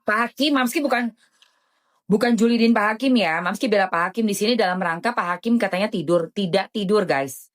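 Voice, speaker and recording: A woman hosting a casual live stream, chatting animatedly in slang and selling skincare. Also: fairly quick. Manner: animated, chatty, jumpy pitch swings, lots of slang.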